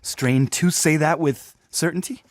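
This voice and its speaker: A man's voice: fairly high pitch, a little hiss or hum. A man co-hosting a science podcast who asks curious follow-up questions in a casual, joking way. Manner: curious, questioning, quick to joke. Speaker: podcast co-host asking questions. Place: studio.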